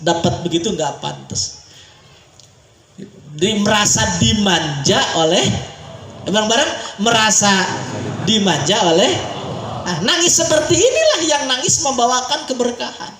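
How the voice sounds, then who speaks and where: A man with a Sundanese accent preaching a sermon, leading a crowd in call-and-response with an animated voice that swings between high and low. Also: unhurried. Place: large pesantren gathering. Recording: echoey hall, faint noise.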